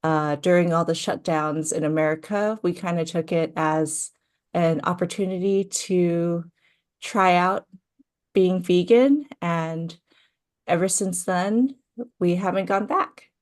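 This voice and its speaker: Woman, young adult, from Hawaii, interview guest, low voice, slow pace. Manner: slow, thoughtful, with frequent fillers. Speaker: coaching client, guest. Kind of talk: interview conversation.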